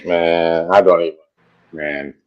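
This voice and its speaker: A man in casual sports-show chat, laid-back and agreeable, quick to back others up. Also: low-pitched, fairly even intonation, a little hiss or hum. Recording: dull lo-fi mic.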